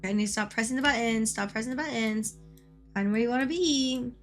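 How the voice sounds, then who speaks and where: A woman with a hoarse voice, chatting casually and excitably on a game stream, repeating phrases as she goes. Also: a little high, fairly quick, faint music behind. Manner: swears casually. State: hoarse from coughing. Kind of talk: casual live-stream chat.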